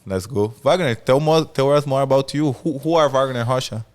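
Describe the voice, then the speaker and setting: Host: man, mid-pitched smooth voice, upbeat intro and friendly questions, slightly off English phrasing. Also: a little fast, darkish tone. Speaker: podcast host. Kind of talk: podcast hosting.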